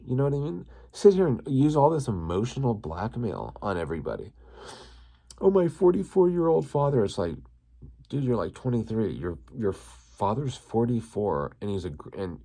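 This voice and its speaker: Male vlog host, low pitch, heated profane rant. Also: gravelly, warm tone. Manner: crude, heated, swearing. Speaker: channel host.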